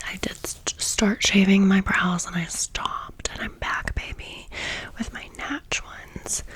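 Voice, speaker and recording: A woman whispers in excited ASMR style, gushing casually as if chatting with friends. Her pace is slow and unhurried, with a creaky edge to the low-pitched, breathy delivery. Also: rough recording. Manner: casual, playful slang and swearing. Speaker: ASMR video creator. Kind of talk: whispered ASMR merch haul chat.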